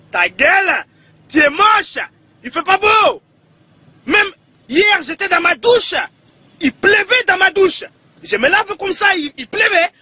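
A man playing a loud, indignant character who shouts complaints and insults at the president in a comedy sketch. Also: fairly high pitch, husky, voice pushed up.

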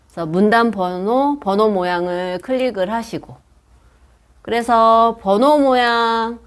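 A woman teaching a computer class, patiently guiding students through a program step by step. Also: medium pitch. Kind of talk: step-by-step software lesson. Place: senior welfare center classroom.

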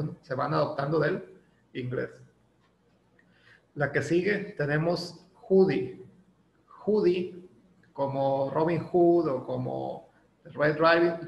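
Gravelly Mexican man teaching English casually. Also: a little high. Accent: Mexican Spanish. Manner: chatty, explains with many fillers and tag questions. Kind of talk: casual classroom lesson. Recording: echoey room with faint ambient noise.

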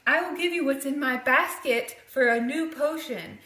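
A woman's voice: high voice, moderate pace, bright, forceful tone, roomy sound. A woman voicing a brave, poor young girl with a basket who politely tricks a witch in a told story. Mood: sly.

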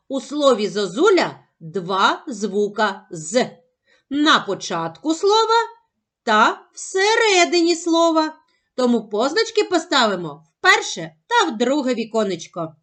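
Woman, teacher, phonics lesson for children, slow over-articulated syllables, high and animated.

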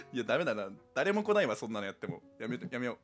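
A man's voice: mid-range voice, very animated, rapid-fire, faint music behind. A man streaming a game live, chatting casually and rambling to himself and his viewers. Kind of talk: casual live-stream chat while playing. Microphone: desk microphone.

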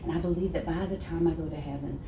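In a low-pitched voice and at a quick pace, a woman from Texas in her sixties recounts her faith journey as a guest speaker, her Texan accent heavy. Constant gestures and frequent laughs fill the animated testimony, recorded roomy and distant with faint hiss on a wood-panelled office set with armchairs.

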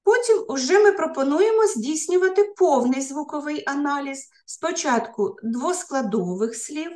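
A woman, an education researcher, lecturing teachers, pausing often on filler sounds and restarting words. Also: sits high, a little mellow. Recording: roomy echo.

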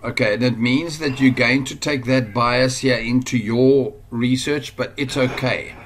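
An online course instructor with a South African accent narrates a screen recording from his computer, rambling informally with fillers and restarts. His voice is mid-range, steady and fairly bright, at a measured pace. There's slight background noise.

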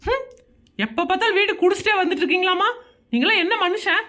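A woman's voice: extremely high pitch, lively intonation, quick pace, sharp tone, heavily acted. A woman voicing a drunk old father-in-law in a Tamil cartoon, fond and slurring at times, stern and lecturing at others. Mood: stern scolding. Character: tipsy doting old father-in-law, later a scolding patriarch.

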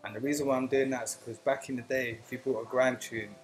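A man's voice: medium pitch, fairly even intonation, fast talker, noisy background. Laconic South London man, slangy. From England. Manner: laconic, slangy, short replies. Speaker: guest. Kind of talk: casual interview chat.

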